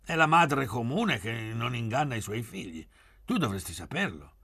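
A man's voice: medium pitch, big pitch swings, normal speed, pushed and bright, husky, no echo, clean studio sound, pitched above the performer's own voice, full character voice. A man voicing a wry, sardonic young man who lectures his friends.

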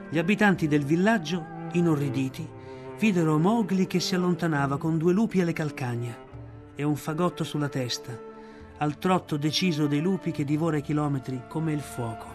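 A man narrating a radio audiobook in a measured, expressive way. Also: a little high, music in the background. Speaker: audiobook reader.

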